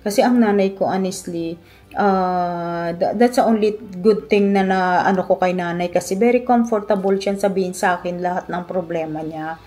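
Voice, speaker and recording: Woman, Filipino accent, middle-aged, vlog storytelling, low voice, warm mellow tone, emotional. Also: steady tone, moderate pace. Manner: emotional, reflective, mixing Tagalog and English. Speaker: vlogger.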